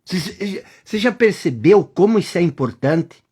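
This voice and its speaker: Husky Brazilian teacher, lively pitch. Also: normal speed. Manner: repeats rhetorical questions to the listener; speaks directly to the listener, sometimes dropping to a hush. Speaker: course teacher. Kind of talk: reflective spoken lesson.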